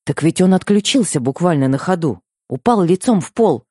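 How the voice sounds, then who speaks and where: A stubborn young woman with a quick, teasing tongue and a raised, lively voice, as a male reader puts her on. She fires back at her younger brother in a bright upper register. The audiobook sound is close and dry. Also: high voice, no room sound, pitched above the performer's own voice. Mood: insistent. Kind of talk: audiobook character voice.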